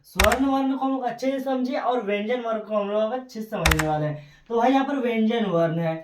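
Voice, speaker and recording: A woman's voice: fairly high pitch, fairly quick, far from the mic, background noise. A woman teaching a grammar lesson who repeats definitions, stretches out example sounds and keeps checking that listeners follow. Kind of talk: classroom-style grammar lesson. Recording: echoey room, voice from off mic.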